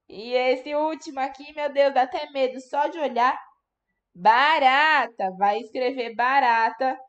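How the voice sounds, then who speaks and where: A woman teaching a remote lesson to young children, patiently sounding out words syllable by syllable. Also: high voice. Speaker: primary school teacher.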